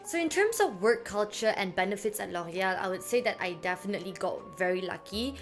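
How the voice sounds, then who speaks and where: Talking fairly quickly and animatedly, the young vlogger uses her mid-range voice to describe her work experience to camera, with faint music behind her. She's chatty and peppers her talk with "like" and "um"; she is not a native French speaker.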